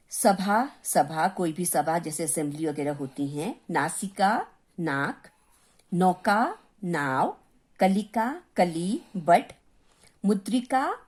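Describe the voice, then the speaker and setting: Woman teacher, slow and patient, repeats every word, a bit low-pitched. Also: darkish tone. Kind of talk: revision lesson for young students.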